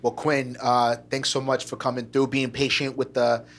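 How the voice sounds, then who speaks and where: A man at mid pitch hosting a conversation. His talk is easygoing and slangy, and he strings short affirmations together between his questions. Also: level tone, normal speed, a little hiss or hum. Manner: laid-back, slangy, repeats "word". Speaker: interview host. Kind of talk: casual interview chat.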